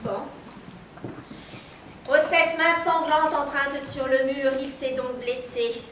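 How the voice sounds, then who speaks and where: An actress playing a tipsy woman who declaims rehearsal lines slowly, then chats flatly. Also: high voice. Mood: rehearsing. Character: tipsy woman rehearsing a tragic queen role. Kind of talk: stage comedy scene. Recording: distant mic in an echoey theatre, audience noise.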